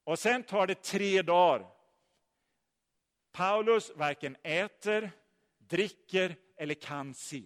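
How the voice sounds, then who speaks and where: A man's voice: high voice, long pauses. Preaching man in a reverberant hall. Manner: lively storytelling, asks the listeners questions. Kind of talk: sermon.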